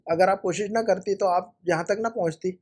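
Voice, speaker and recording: High-voiced man teaching Arabic grammar. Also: darkish tone, husky. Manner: patient, repeats words slowly for pronunciation. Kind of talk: correcting student homework in a recorded lesson.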